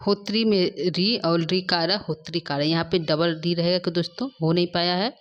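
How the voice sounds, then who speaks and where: A woman's voice: on the low side, fairly even intonation, moderate pace, dull audio. A woman teaching a Sanskrit grammar lesson online, explaining step by step and often asking and answering her own questions.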